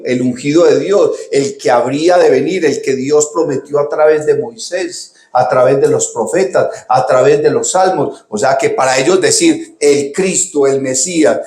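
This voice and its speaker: A man with a Colombian accent preaching a sermon as a pastor. He talks conversationally, calls listeners "hermano", asks "¿cierto?" to check they follow, and jumps high and loud when he acts out quoted cries. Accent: Colombian Spanish. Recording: roomy, echoey sound.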